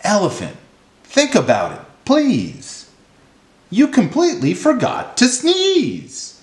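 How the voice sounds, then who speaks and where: A man's voice: high-pitched, wildly swooping pitch, takes it slowly, pitched above the performer's own voice, exaggerated voice. A man voicing a cheeky little gray mouse who loves a prank, in a rhyming children's story. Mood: cheeky, teasing. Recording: roomy, echoing sound.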